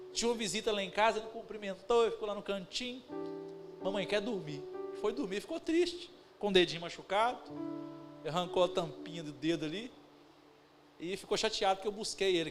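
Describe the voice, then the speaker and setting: With a high voice and a Brazilian Portuguese accent, a pastor delivers a sermon that alternates between quiet storytelling and loud emphatic outbursts. Addressing the listeners as brothers, he recounts family anecdotes and slows down to stress key words, while instrumental music plays underneath.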